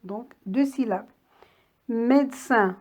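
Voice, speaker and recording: A woman teaching young children a reading lesson, saying each word slowly and clearly and patiently breaking it into syllables. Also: a little high, a little mellow. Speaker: primary school teacher. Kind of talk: slow classroom lesson read-aloud.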